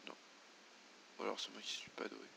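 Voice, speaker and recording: Low, flat-voiced man narrating gameplay. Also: brisk, gravelly, noisy background. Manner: mutters, reads menus aloud. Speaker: gamer. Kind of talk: let's play commentary.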